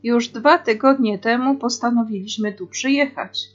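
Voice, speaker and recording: A woman's voice: fairly high pitch, moderate pace, dull audio, faint music behind, close to an everyday voice. A woman voicing a cheerful boy who teases and laughs in a storybook reading. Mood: teasing. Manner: teasing, laughing.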